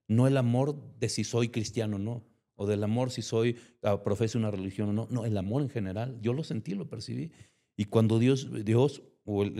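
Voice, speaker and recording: A man's voice: fairly low pitch, warm tone. A man with a Mexican accent, a guest giving an emotional personal testimony and acting out remembered conversations. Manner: emotional storytelling, acts out remembered dialogue.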